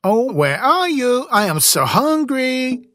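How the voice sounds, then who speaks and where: A man voicing a dim, whiny young toad son in a cartoon, sounding excited. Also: very high-pitched, slow pace, background noise, voice pushed up, exaggerated voice.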